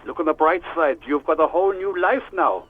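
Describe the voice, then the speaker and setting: An actor playing a sarcastic, bored police doctor in a video game, dismissive and dry, heard over a radio line. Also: male voice, on the high side, a little fast, narrow, tinny audio. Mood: sardonic. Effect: radio transmission. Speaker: station doctor.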